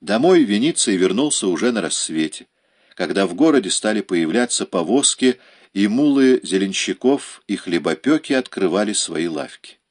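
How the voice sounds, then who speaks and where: A man reading a historical novel aloud as an audiobook narrator, measured and dramatic. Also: fairly low pitch, animated, husky. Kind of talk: scripted narration.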